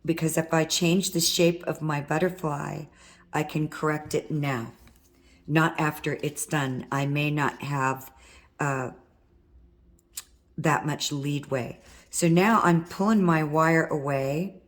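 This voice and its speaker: Low, hoarse woman teaching a craft. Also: steady tone, a little slow. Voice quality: husky from vocal cord nodules. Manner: chatty, talks while working with her hands. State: hoarse, worn-out voice. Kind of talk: step-by-step craft tutorial.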